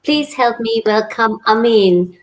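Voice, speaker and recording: A woman co-hosting a casual online interview, introducing the guest in a slow, warm way. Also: a little high, lively intonation. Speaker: co-host.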